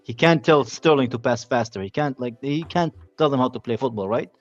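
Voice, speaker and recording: A man's voice: mid-range voice, a little fast, no echo, faint music behind. Man, clipped muffled phone line, dry sound, stumbling restarts, casual chat. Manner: stumbling restarts, asks "yeah?" and "right?" to check agreement. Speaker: call-in guest.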